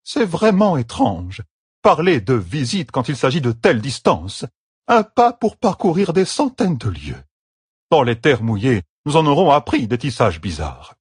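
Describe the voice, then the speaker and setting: A man's voice: mid-range voice, wildly swooping pitch, measured pace, husky, dry recording, studio quality, pitched above the performer's own voice, exaggerated voice. A man reading a story aloud, voicing a stern elder wise woman who grumbles her demands.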